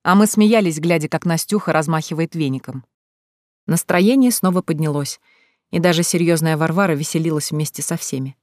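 A woman narrating an audiobook in a lively storytelling manner, voicing each character herself. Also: low-pitched, brisk, dry recording, clean studio sound.

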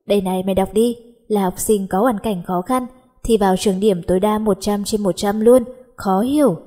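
A charming, easygoing teenage boy, read by a woman narrator. The voice is mellow and a little husky. He jokes with his friend. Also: medium pitch, moderate pace, lightly acted.

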